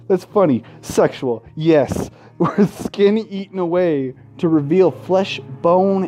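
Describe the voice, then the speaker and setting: Over game music, a high-pitched man with a dark tone plays host to a horror-game let's play, reading it with dramatic flair and tossing in crude, profane, mocking comments.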